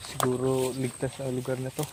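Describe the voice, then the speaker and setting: Man vlogging amid loud nature noise. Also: mid-range voice, completely flat delivery, fairly quick. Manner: casual, drops into whispers while exploring. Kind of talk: casual outdoor vlog chat.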